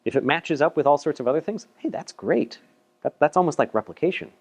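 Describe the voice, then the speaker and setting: In a meetup room, a man presents a paper as a casual, chatty technical talk, full of self-deprecating asides and repeated words. His voice is fairly high, fast and lively in intonation.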